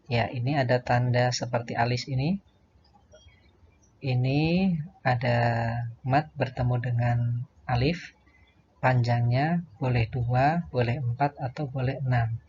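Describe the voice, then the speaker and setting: A man teaching young children to recite verses, chanting each line slowly and then explaining the pronunciation patiently. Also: mid-range voice, steady tone, a little mellow, muffled recording, a little hiss or hum. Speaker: primary school religion teacher. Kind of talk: slow recitation lesson for children.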